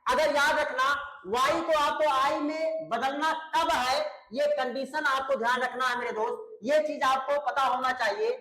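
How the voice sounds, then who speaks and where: A man's voice: very high-pitched, bright, forceful tone. A male English teacher giving a classroom lesson, repeating key words and calling his students brother and friend. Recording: echoey room.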